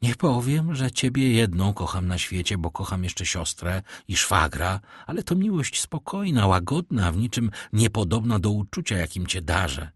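A man's voice: fairly low pitch, sing-song, moderate pace, hardly any pauses, husky, dry recording, clean studio sound. A man voicing a devoted young man in love, reading his lines from a novel in a fervent, pleading way. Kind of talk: audiobook reading.

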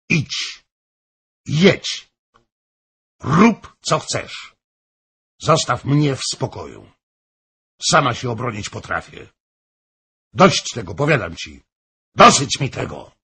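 A man voicing a proud, defiant young noblewoman in an audiobook, with a gravelly, husky voice. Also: deep voice, sing-song, slow pace, long pauses, exaggerated voice. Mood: furious.

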